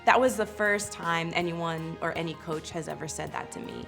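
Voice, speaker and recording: A woman athlete speaking warmly about her coach in an interview. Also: fairly low pitch, normal speed, creaky, over music. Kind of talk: interview in a tribute video.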